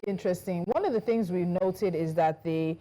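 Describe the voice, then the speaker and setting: Female news anchor, low warm voice, measured formal questions. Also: rough recording. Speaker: news interviewer.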